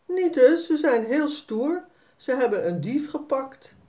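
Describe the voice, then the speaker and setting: A storyteller voicing an excited, insistent little girl. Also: sits high, slow pace, recorded from a distance, pitched above the performer's own voice, exaggerated voice.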